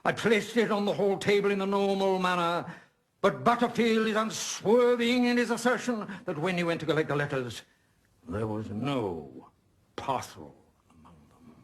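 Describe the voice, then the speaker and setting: A grave, stuffy English gentleman. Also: high voice, sing-song. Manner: grave, formal, deliberate. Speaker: author of a manuscript.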